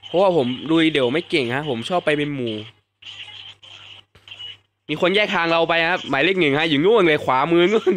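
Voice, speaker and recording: Bright-voiced excitable young man gaming. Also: fairly high pitch, brisk, long pauses, a little hiss or hum. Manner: excitable, swears casually, yelps at surprises. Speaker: gaming YouTuber. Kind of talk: live gameplay commentary. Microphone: desk mic at home, fan noise behind.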